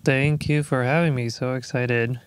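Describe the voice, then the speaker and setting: A Puerto Rican musician in his thirties, a guest in a recording studio, chats casually in an interview, thoughtful and reflective with frequent fillers. His mid-range voice is steady, clear and resonant at normal speed, with no echo.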